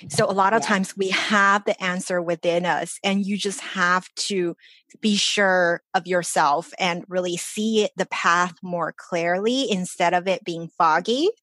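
This life coach, a podcast guest born in China who grew up in Los Angeles, talks with upbeat, earnest motivation in a relaxed interview. Her lowish voice keeps a fairly even intonation and measured pace, with a fairly bright tone and no echo.

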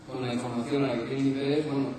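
Fast-talking Spanish man, very echoey hall. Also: medium pitch, flat delivery. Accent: Spain. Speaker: expert panelist. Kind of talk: unscripted panel discussion. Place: conference stage, large indoor hall. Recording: very echoey hall, distant mic, crowd.

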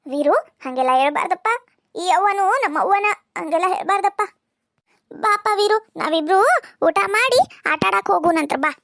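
A woman's voice: extremely high pitch, moderate pace, fairly bright tone, no echo, studio quality. A woman voicing a scheming, two-faced stepmother in a cartoon, with a North Karnataka accent, sweet to the children and snarling behind their backs. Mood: coaxing. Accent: North Karnataka Kannada. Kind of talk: cartoon voice acting.

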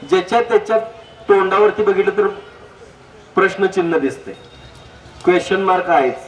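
Male public speaker with a high voice, jokey and anecdotal, miked from a distance in an echoey hall. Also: normal speed. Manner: jokey, anecdotal, asks the audience direct questions. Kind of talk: humorous public talk. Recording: echoey hall, distant mic, faint noise.

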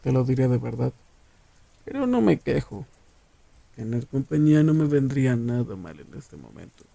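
Man as gravelly, menacing Jeff the Killer. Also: medium pitch, sing-song, warm tone, no echo, heavily acted. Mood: scornful. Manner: taunting, condescending, drawn-out. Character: menacing, possessive young male serial killer lover. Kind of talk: ASMR roleplay.

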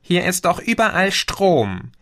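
An impatient, brisk creature that slips into electrical sockets, voiced by a male audiobook reader. He raises his voice for it. The sound is close and dry. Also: sits high, very animated, fairly bright tone, no echo, pitched above the performer's own voice, exaggerated voice. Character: impatient being who travels through electric sockets.

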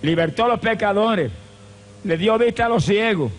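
A male evangelist preaching a fervent revival sermon, with impassioned repeated cadences and bursts of shouted praise. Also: high voice, expressive, normal speed, slight background noise. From Puerto Rico.

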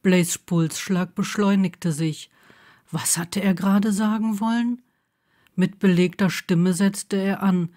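A woman narrating a romance story as an audiobook in a measured, intimate reading. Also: medium pitch, fairly even intonation, mellow.

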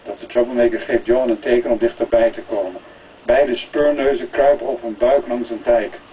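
Brief: male reader of a crime story, steady narration, far from the mic with a light hiss. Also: medium pitch, brisk. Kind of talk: reading a crime novel aloud. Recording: tinny phone-like, distant, faint hiss.

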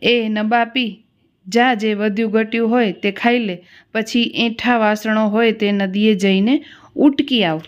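A woman's voice: a little high, steady tone, a little slow, clear, resonant tone, dull audio, natural voice. Woman voicing a scornful old mother-in-law. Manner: scolding, commanding.

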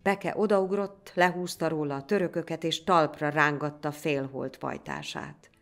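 A woman narrating a folk tale in a lively, dramatic reading style. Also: sits low, faint music behind. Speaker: storyteller. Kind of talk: storybook narration.

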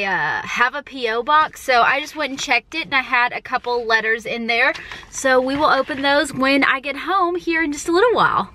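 High-voiced chatty woman vlogger. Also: sharp tone. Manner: chatty, upbeat, baby-talks to her dogs. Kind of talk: casual vlog talk to camera. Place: home kitchen and car. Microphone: handheld camera at arm's length.

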